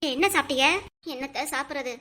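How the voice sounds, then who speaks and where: A woman voicing a caring younger sister-in-law in a cartoon, loud and fussing with concern. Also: high-pitched, fairly even intonation, fast.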